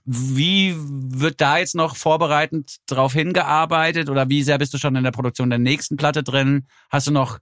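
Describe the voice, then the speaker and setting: Male interviewer, slightly high register, conversational delivery, recorded close and dry. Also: steady tone, normal speed, few pauses, fairly bright tone, no room sound. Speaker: podcast host. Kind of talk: casual interview chat.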